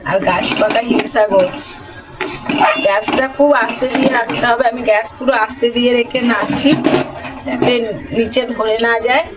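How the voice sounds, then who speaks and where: A woman giving a home cooking demonstration, talking slowly and softly because she is unwell, in her kitchen. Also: on the high side, fairly even intonation, very noisy.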